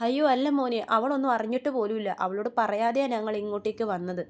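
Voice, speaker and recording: A woman voicing an older mother-in-law who pleads gently with her son-in-law. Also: on the high side, fast, close to an everyday voice. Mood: pleading. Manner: pleading, soothing.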